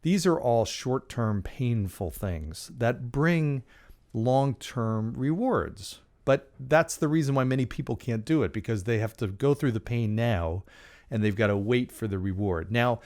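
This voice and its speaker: His voice runs somewhat low. He's a podcast host in his forties doing a solo leadership episode, loose and jokey, with lively hand gestures. He sits at a large condenser mic in a small studio treated with dark acoustic panels.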